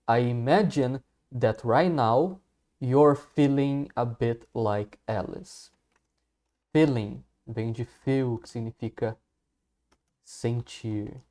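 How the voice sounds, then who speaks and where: A man with a Brazilian Portuguese accent giving a casual English lesson, explaining patiently and slowing words down to drill them. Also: mid-range voice, warm tone. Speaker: English teacher.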